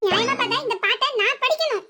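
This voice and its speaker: A woman's voice: very high voice, lively intonation, sharp tone, voice pushed up, exaggerated voice. Woman doing a wailing, melodramatic lament singer. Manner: slow drawn-out sung lament. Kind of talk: comedy cartoon singing.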